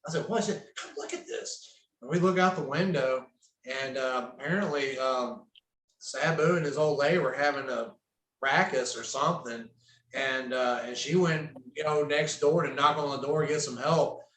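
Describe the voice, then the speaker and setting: A man's voice: medium pitch, moderate pace, a bit bright. A man guest on a podcast, telling wrestling-road stories in a laid-back way, laughing as he goes. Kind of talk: casual storytelling. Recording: roomy echo.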